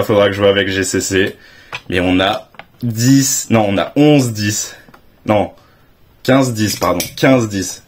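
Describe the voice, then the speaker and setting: A young man with a French accent, giving casual, excitable commentary as he reveals graded trading cards, exclaiming often with slang. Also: on the low side. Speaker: card collecting YouTuber.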